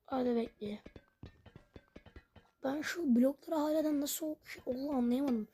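A woman's voice: high voice, a little slow, warm tone, faint music behind. A woman commenting on her own game as she plays, puzzled and rambling, and she keeps talking to her viewers. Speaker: gaming channel host. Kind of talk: Minecraft let's play commentary.

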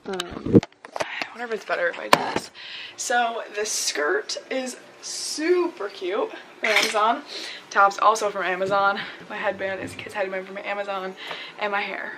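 A woman's voice: mid-range voice, moderate pace, background noise. A young adult woman chatting casually to camera as a college student vlogger. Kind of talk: casual vlog chat. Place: small bedroom, indoors.

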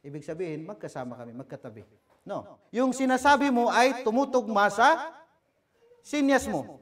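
A Filipino man giving a lecture on public speaking, moving from loud emphasis to a soft murmur and acting out bad delivery. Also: high-pitched, very animated, moderate pace. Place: cultural center hall. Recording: voice from far off the mic.

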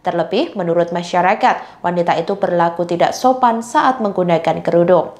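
A woman narrating a news report in an even, formal scripted delivery. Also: on the low side, fairly quick.

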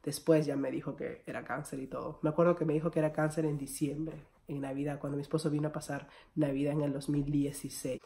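A woman's voice: sits low, level tone, quick pace, vocal fry, hardly any pauses, mellow. A young Peruvian woman speaks with a Peruvian Spanish accent in a storytime vlog. She talks in a chatty, familiar way and keeps calling her viewers friends. Her delivery is that of a casual personal story. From Peru. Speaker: vlogger.

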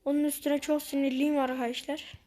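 A woman with a high voice narrates her match as she plays it, chatting to her viewers. She is easily frustrated and excitable throughout. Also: brisk. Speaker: gaming channel host. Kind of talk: gameplay commentary.

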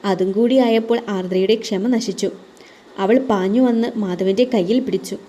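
A woman reads an audio novel aloud as the storyteller. Her narration is calm and even. The voice is mellow and dark, at a middle pitch. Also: normal speed.

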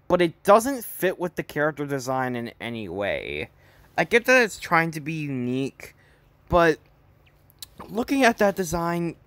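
A young man talks through his opinions in casual commentary, with a lively voice that rises and falls a lot. He stumbles and restarts often. The sound is close and dry. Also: a little high, no echo. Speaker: video commentator.

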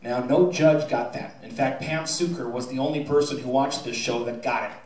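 A middle-aged American man, like a school theatre director, gives a folksy, wry, teasing award speech on a school theatre stage. His voice is medium-pitched, fairly even, normal-paced, and darkish, through a handheld PA mic caught by a distant camera in an echoey auditorium with audience murmur and laughter.

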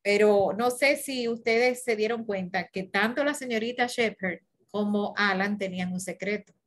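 A woman joins a film forum discussion. She speaks in a relaxed, conversational way at a middle pitch and asks the group questions as she goes. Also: moderate pace.

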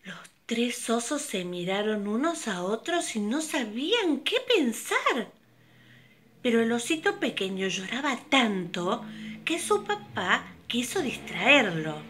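An older woman telling a children's fairy tale slowly and very expressively, her pitch leaping around. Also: very animated, fairly bright tone, a little hiss or hum. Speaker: storyteller. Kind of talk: storytelling for children.

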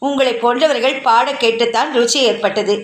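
A woman voicing a proud, spirited young woman who answers back with quick, cutting retorts, in an echoey room. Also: on the high side, natural voice. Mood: tart.

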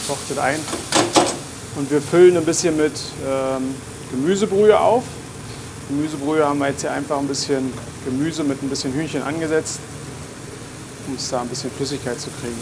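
In a relaxed cooking demonstration, a young adult chef with a fairly high-pitched voice explains a dish step by step, dropping in frequent filler pauses. A lapel mic picks him up against kitchen noise and a sizzling pan, in scenes set in a garden, greenhouse and restaurant kitchen.

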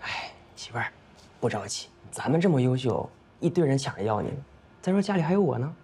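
A man's voice: mid-range voice, big pitch swings, a little fast, a little mellow, slight background noise. An actor playing a young husband who coaxes and pleads with his wife. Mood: upbeat. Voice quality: pleading and repetitive when apologizing. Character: eager, sheepish young husband. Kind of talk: short drama acting. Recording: music bed under the dialogue.

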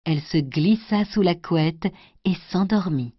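A woman storyteller doing an expressive scripted storybook narration. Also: on the low side, unhurried, dry recording, soft background music. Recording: dry, dull lo-fi recording.

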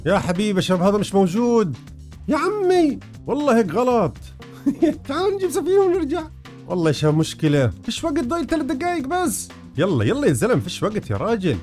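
A man giving excited gameplay commentary, hurried and teasing, repeating phrases. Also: extremely high pitch, faint music behind. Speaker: gaming YouTuber.

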